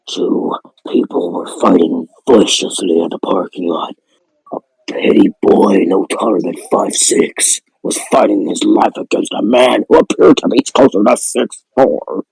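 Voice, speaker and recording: A man delivers playful spooky narration in a creaky, husky voice. He reads horror prose with sweary, irreverent asides, and the recording is close and dry. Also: on the low side, darkish tone, no room sound, low-quality recording. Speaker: host reading a spooky story. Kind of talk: scripted horror narration broken by casual joking asides.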